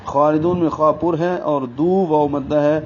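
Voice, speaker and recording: A man teaching Quran recitation rules step by step, breaking into slow, drawn-out chanted recitation for each example. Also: a little high, fairly even intonation, a little mellow. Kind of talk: tajweed lesson with recited examples. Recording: dull lo-fi recording with faint hiss.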